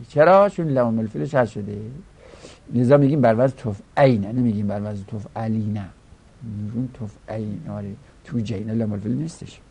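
A man's voice: medium pitch, vocal fry, warm tone, lo-fi sound. A man teaching a grammar lesson, explaining step by step and chanting word forms aloud.

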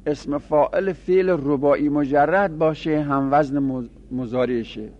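A man teaching Arabic grammar in a classroom-style lecture, laying out patterns step by step and repeating them, sometimes asking and answering his own questions. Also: a little high. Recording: dull lo-fi recording.

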